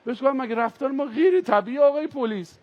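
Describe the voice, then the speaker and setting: Before a live audience on stage, a male stand-up comedian tells an animated story in a very high-pitched voice, switching into character voices as he acts them out. The recording has a lo-fi quality.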